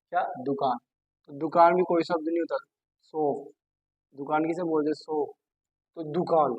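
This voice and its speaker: A male teacher with a husky voice on the high side gives a grammar lesson. He keeps asking "what?" and answering himself by repeating the word. The recording is dry, dull, and lo-fi.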